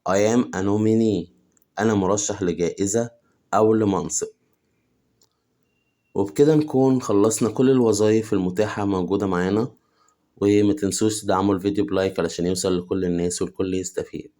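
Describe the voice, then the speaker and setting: Egyptian teacher with a lowish voice. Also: male voice, steady tone, dark tone. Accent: Egyptian Arabic. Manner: says each English phrase slowly, then gives the Arabic quickly. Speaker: English teacher. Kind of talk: vocabulary lesson.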